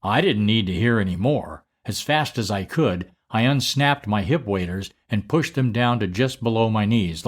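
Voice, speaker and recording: Older man telling a slow story. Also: lowish voice. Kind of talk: scripted story narration.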